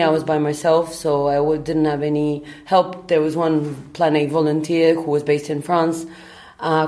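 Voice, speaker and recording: A woman in her thirties from Bulgaria, giving a founder's answers in an interview. Her voice sits very low for a woman. She talks thoughtfully and fills her pauses with ums and uhs. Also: darkish tone. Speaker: startup founder, guest.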